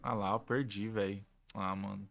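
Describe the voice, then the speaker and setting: A man's voice: on the low side, steady tone, normal speed, gravelly, a bit bright. A man with a Brazilian Portuguese accent giving live gameplay commentary as host of a gaming channel, complaining in an exasperated, whiny way with slang and swearing.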